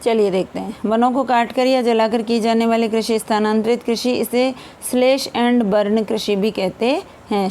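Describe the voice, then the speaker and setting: A woman teacher gives a fast revision lesson for an exam, calling her viewers friends and asking and answering her own questions. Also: medium pitch, a little mellow, slight background noise.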